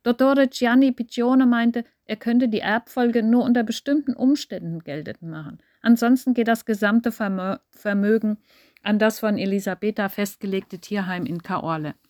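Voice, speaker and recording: Woman reader puts on a theatrical, sobbing man in an audiobook; loud, raised, dry close sound. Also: medium pitch, normal speed, no room sound, natural voice. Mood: aggrieved. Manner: exclaiming, sobbing, ranting. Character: melodramatic grief-stricken man, loud and theatrical.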